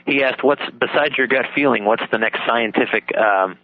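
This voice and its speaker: A man being interviewed as a radio guest over the phone, talking casually in a halting, informal way. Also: mid-range voice. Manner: halting, informal, repeats words as he thinks. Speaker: talk show guest, author and lecturer. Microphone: telephone call. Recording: tinny narrow phone line, dry.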